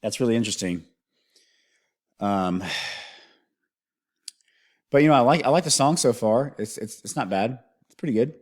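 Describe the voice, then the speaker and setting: A man's voice: mid-range voice, lively intonation, normal speed, pauses often. A man hosting a music video reaction, thinking aloud in a rambling way and often restarting his sentences.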